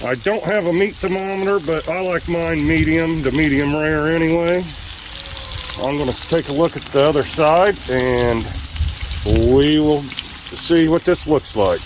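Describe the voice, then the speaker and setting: A man hosting a casual outdoor cooking vlog, talking in a relaxed way with frequent ums. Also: on the high side, a little slow, noisy background. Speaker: outdoor cooking channel host. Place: outdoors at a camp stove.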